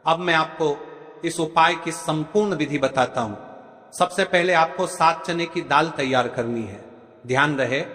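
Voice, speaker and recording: A man's voice: a little high, pushed and bright, big-room sound. A man preacher giving step-by-step devotional instructions, speaking straight to his listeners as devotees and often checking in with them. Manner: repeats a checking "okay". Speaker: religious preacher.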